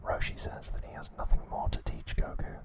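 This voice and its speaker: This is a scripted recap told by a man in short, slow, deliberate phrases, his voice a breathy ASMR whisper.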